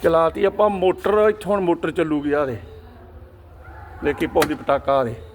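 A man's voice: fairly high pitch, steady tone, normal speed. An older man with an Indian Punjabi accent chatting casually with a small child, teasing and repeating his phrases. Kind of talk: casual home chat. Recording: faint background noise.

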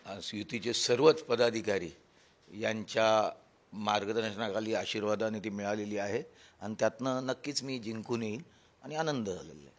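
A man, a candidate answering a reporter's questions in a slow, deliberate, defensive way. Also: lowish voice. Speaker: interviewed candidate. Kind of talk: news interview answers.

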